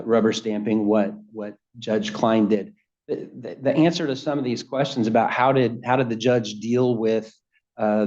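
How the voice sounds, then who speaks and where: A man arguing a case as an attorney before appellate judges, speaking quickly and emphatically with frequent restarts. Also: fairly low pitch, darkish tone, muffled recording. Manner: rapid, emphatic, repeats words on restarts. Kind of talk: appellate oral argument. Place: courtroom.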